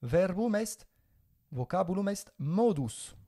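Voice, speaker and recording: Patient French-speaking Latin teacher, mellow voice. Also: male voice, high voice, lively intonation, slow. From France. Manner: patient, explains and corrects, mixes Latin and French. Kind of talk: spoken language lesson.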